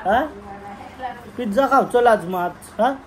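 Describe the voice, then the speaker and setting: A young man vlogging casually with his family, lively and teasing as he calls out to the people around him. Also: extremely high pitch, slow pace, crowd noise. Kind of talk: casual family vlog chat.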